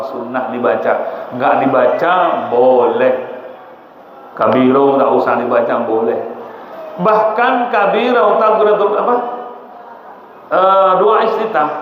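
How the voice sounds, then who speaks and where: A man's voice: high voice, slight background noise. A male preacher with an East Javanese Indonesian accent, giving a mosque lecture, drilling recitations and quizzing his listeners. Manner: repeats and drills recitations, asks the audience questions. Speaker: Islamic preacher teaching a kitab study. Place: large mosque hall. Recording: echoey hall, dull lo-fi sound.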